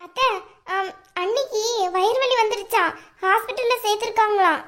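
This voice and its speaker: A woman voicing a gentle young wife in a cartoon, polite and pleading as she puts others first. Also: extremely high pitch, brisk. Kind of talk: cartoon voice acting.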